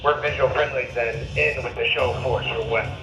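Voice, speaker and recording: A man's voice: medium pitch, steady tone, normal speed. Male pilot on echoey aircraft radio. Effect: aircraft radio relayed over loudspeakers. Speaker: military pilot in an airshow demonstration. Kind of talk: clipped military radio calls. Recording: echoey radio relay with music behind.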